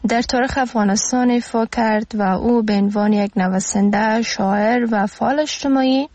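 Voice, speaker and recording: A woman teacher with an Afghan Dari accent speaks in a fairly high voice. Her delivery is measured and full of hesitant pauses. The sound is dry and close. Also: steady tone, darkish tone, no room sound. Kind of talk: radio lesson.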